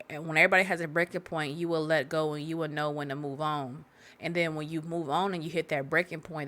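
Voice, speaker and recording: A woman's voice: sits low, fairly bright tone. A woman hosting a solo podcast, giving candid, profane life advice in a rambling, preachy way and repeating herself for emphasis. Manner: talks straight to listeners, repeating herself for emphasis. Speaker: podcast host.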